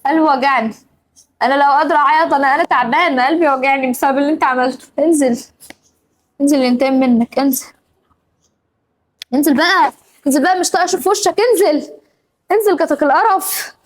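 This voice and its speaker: In a family drama, a young Egyptian regular on the show scolds over and over, growing more emotional, in an Egyptian Arabic accent. She speaks fast in a high voice with long pauses, and the recording is rough.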